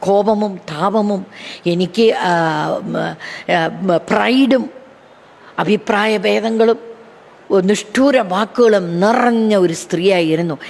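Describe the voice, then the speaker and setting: A woman preacher giving a fervent testimony sermon, repeating phrases for emphasis and breaking into praise refrains. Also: medium pitch. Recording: long hall reverb.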